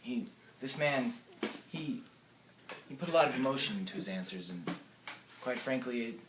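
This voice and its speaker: A man's voice: mid-range voice, expressive, moderate pace, background noise. A man conducting a mock news interview for a school project, hesitant with many fillers, recorded far from the mic in an echoey room.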